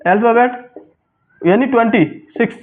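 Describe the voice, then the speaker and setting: High-voiced man teaching, tinny audio. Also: normal speed. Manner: repetitive, asks and answers own questions; mixes English terms into Hindi. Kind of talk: exam-prep class lecture.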